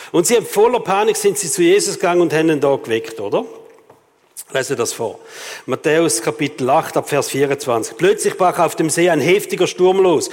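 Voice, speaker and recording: A man preaching a sermon with a Swiss German accent, lively and rhetorical, often asking the audience questions. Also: on the high side. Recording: long reverb of a hall.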